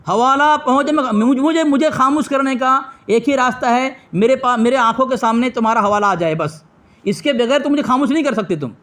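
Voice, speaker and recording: Insistent high-voiced man scolding on a call. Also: a little fast, a bit bright. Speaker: debater. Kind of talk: heated phone debate.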